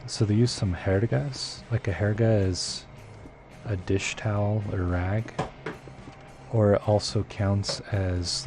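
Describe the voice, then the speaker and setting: A man live-streaming a game, chatting casually with viewers and rambling as he thinks aloud, with lots of fillers. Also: low voice. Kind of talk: casual chat with viewers while playing.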